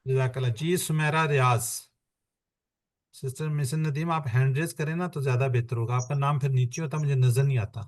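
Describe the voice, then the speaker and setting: A male teacher at a mid-range pitch leads an online grammar lesson, speaking over a computer mic on a video call. He repeats each point patiently and slowly builds it up step by step, then calls on students one at a time. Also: steady tone.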